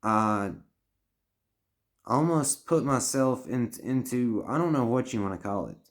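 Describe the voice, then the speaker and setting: Speaking a little slowly with lively intonation, a man in his thirties with a mid-range voice addresses the camera directly. The vlogger offers life advice in a heartfelt, earnest, rambling monologue, often swearing and restarting sentences.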